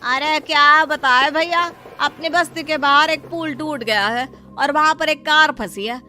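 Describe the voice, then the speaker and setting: A woman's voice: high-pitched, a little slow, pushed and bright, full character voice. A woman voicing a worried neighbor man in a cartoon story, anxiously reporting trouble. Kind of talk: Hindi cartoon story dubbing.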